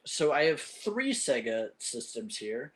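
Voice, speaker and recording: A man's voice: mid-range voice, big pitch swings, takes it slowly. A young man in his own game room, rambling with lots of ums as he shows his gear to a phone camera. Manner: rambling, many ums and uhs. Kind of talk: casual show-and-tell.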